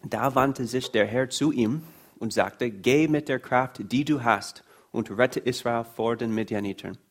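Slow, earnest male preacher. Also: mid-range voice. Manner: slow, earnest preaching, reading Bible passages aloud. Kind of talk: sermon.

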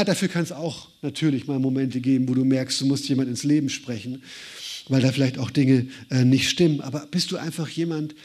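A man's voice: on the high side, a little mellow. A middle-aged man preaching a sermon in German, addressing the listener directly with rhetorical questions.

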